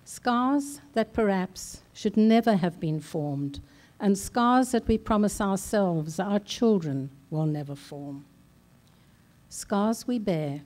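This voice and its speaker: Slow solemn older woman from South Africa. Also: medium pitch, darkish tone. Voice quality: measured, solemn pauses. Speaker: conference speaker. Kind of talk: slow, deliberate personal speech. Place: large conference hall.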